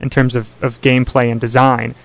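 A man hosting a call-in radio show in a smooth radio host manner, chatty and keeping the talk moving between callers. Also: medium pitch, flat delivery, fairly quick, fairly bright tone. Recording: dry, dull lo-fi radio broadcast.

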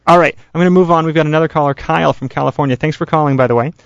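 A man hosting a call-in radio show in a smooth radio host manner, chatty and keeping the talk moving between callers. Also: on the high side, very fast, no echo. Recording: dry, dull lo-fi radio broadcast.

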